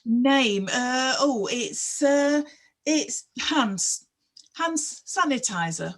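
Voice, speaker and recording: A woman's voice: sits high, expressive, drawn-out words, heavily acted. A woman playing an earnest, bumbling male suitor on a video call. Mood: fumbling. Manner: earnest, fumbling.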